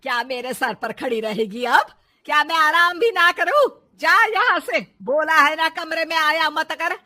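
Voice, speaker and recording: A woman's voice: sits high, slow pace, sharp tone, exaggerated voice. A bossy, nagging mother-in-law. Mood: taunting. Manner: taunting, nagging. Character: scolding, bossy middle-aged mother-in-law. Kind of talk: animated story voice acting.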